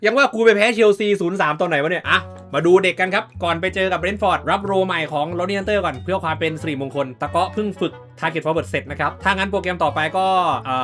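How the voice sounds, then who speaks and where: High bright-voiced guy hyped up commentating a football game, cursing, chatting to viewers, faint music behind. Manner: excitable, swears, talks to viewers. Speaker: gaming YouTuber. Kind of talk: casual gameplay commentary.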